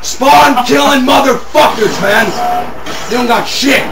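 A young man yelling profane, explosive trash talk as he plays a video game. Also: very high-pitched, a little slow, gravelly. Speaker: video gamer. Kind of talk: angry trash talk while gaming. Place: dim living room at home. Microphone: handheld camera a few feet away. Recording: noisy, roomy home video from a distance.

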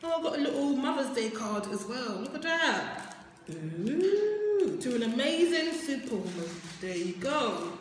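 A woman from London with a hoarse voice, chatting casually through a beauty box unboxing with lots of excited "ooh"s. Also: fairly high pitch, moderate pace, slight background noise. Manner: excited cooing, frequent "ooh". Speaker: beauty vlogger. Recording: echoey room with long reverb.

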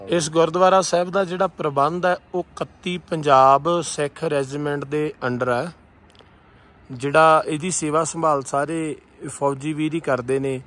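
A man's voice: a little high, fairly even intonation, unhurried, fairly bright tone. A man from Punjab narrating a travel vlog outdoors in the mountains, telling a temple story reverently and praising the scenery with enthusiasm. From Punjab, India. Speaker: travel vlogger.

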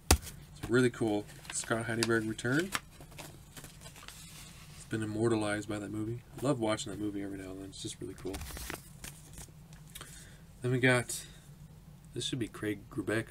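Young guy in his 20s opening mail on webcam, gravelly voice, lots of background hiss. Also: fairly low pitch. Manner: chatty, upbeat, laughs often, many ums. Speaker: autograph collecting channel host. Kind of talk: casual mail-opening vlog. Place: small home room, indoors. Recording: noisy home recording.

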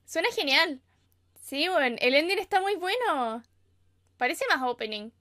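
A young woman with a Chilean accent reacting to an anime episode in casual, excitable commentary, gasping and squealing and chatting to her viewers. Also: sits high, a little slow. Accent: Chilean Spanish. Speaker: anime reaction channel host. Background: anime episode audio and music.

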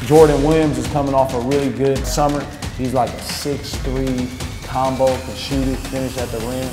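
A man hosting, giving a quick, hyped voice-over rundown of basketball prospects. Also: medium pitch, level tone. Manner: quick, hyped scouting talk. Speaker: trainer and show host. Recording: roomy with long reverb, music behind.

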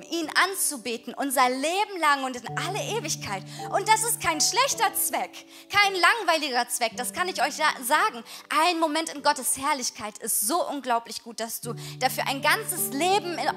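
A woman leading a worship night, preaching earnestly and encouragingly and reading scripture aloud in a church service. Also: sits high. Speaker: worship leader. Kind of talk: devotional sermon during a worship night. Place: church service with music behind.

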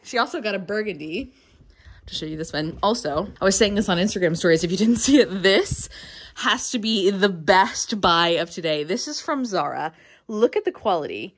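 With a medium-pitched, expressive voice at normal speed, a young woman chats to her handheld camera for a travel vlog. The talk is casual and bubbly, and "like" comes up a lot.

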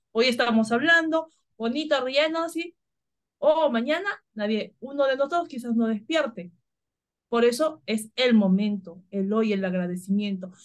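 Peruvian woman chatting about gratitude. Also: a little high. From Peru. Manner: warm, spontaneous storytelling with frequent laughs. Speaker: spiritual guide guest. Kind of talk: casual spiritual chat.

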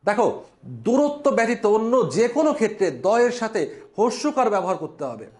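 Male spelling teacher, high-pitched voice, slow drawn-out repetition. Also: expressive, a little mellow. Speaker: Bengali language instructor. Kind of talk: classroom lesson at a whiteboard.

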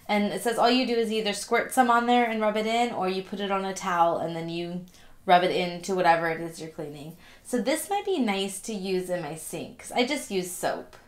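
A young woman talks through a casual unboxing haul, chatty and upbeat. Her nose sounds stuffy from allergies, and her middle-pitched voice rings in an echoey room. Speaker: vlogger.

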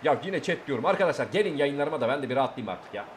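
A young man with a Turkish accent giving excited let's-play commentary, shouting at the game and talking to his viewers. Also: mid-range voice, very fast, a little hiss or hum. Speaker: gaming YouTuber.

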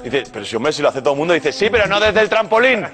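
A man who tells jokes in fast, excited storytelling. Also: on the high side, music in the background. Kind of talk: joke telling.

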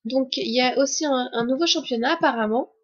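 A young woman gaming YouTuber with a cold comments on a game update, sounding chatty, hesitant, and full of fillers. Her voice is high-pitched and fairly quick, and the recording is muffled.

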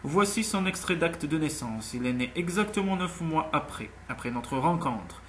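A man's voice: on the high side, expressive, moderate pace, fairly bright tone, a little hiss or hum. A man voicing a proud young mother, earnest. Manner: earnest, tense, pleading. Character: young woman, proud, anxious single mother. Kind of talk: audiobook character voice.

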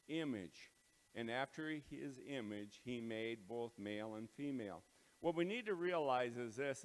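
A man leading morning devotions as pastor, speaking in a plain, halting way with many ums and uhs, his voice ringing with big hall echo in a large empty auditorium. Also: medium pitch. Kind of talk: casual devotional talk and prayer. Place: large empty auditorium under renovation, bare floors.

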